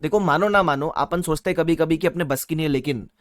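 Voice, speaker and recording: A man with a Mumbai accent teaching a live online class, energetic, mixing Hindi and English and reading viewer chat aloud. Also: on the high side, fast talker, no room sound, clean studio sound. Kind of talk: live-streamed online lecture.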